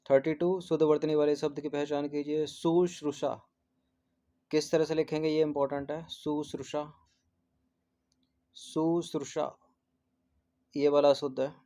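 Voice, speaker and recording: Mellow-voiced man explaining spellings. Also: a little high, completely flat delivery, fairly quick, few pauses. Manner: repeats each word several times, explaining spellings; mixes English numbers and terms into Hindi. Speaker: teacher. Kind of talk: exam test-series answer walkthrough.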